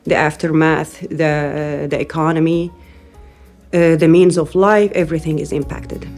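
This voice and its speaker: A middle-aged woman from Syria, a native Arabic speaker, giving an earnest interview with frequent pauses and restarts. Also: low voice, level tone, a little mellow, soft background music. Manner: earnest, thoughtful, frequent hesitations. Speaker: interviewee, newcomer parent. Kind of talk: interview testimony.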